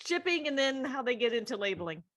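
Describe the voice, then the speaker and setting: A woman co-hosting a podcast in casual chat, quick with teasing quips and laughing a lot. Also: high voice, very animated, fairly bright tone. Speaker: podcast co-host.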